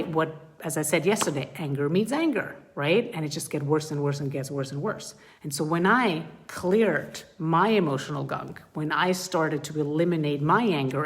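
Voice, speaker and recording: A woman coaching parents in a live group talk, her voice low and full. She speaks earnestly and with animation, and often slips into acting out what a parent or child would say.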